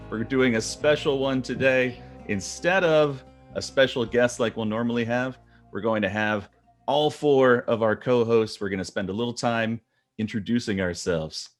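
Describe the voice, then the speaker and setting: A man hosting a podcast, talking in an earnest, halting way with frequent restarts. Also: medium pitch. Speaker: podcast host. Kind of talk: casual podcast talk.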